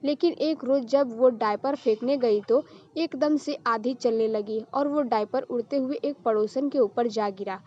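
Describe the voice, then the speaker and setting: A woman reading a scripted family story aloud as the storyteller, at an even storybook pace, on a dull lo-fi recording. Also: a little high, measured pace.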